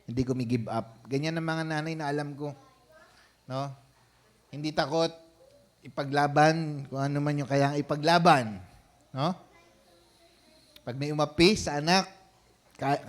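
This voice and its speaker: A man with a Filipino accent, a senior pastor giving a sermon in a conversational style and often checking in with the congregation. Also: on the high side. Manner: conversational preaching, frequent tag questions.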